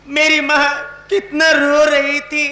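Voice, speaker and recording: A man's voice: very high voice, completely flat delivery, slow. A man playing a poor young housemaid in a folk stage play, speaking with a tinge in a weepy, lamenting way. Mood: sorrowful. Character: poor young housemaid woman, tearful and pleading. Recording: roomy stage sound with loud music.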